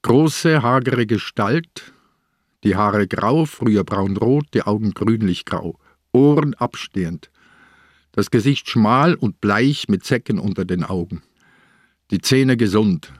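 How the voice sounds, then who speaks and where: An actor playing a calm, shrewd aging police inspector in a radio play, reasoning aloud in a measured way. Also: male voice, on the low side, no echo, clean studio sound. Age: older.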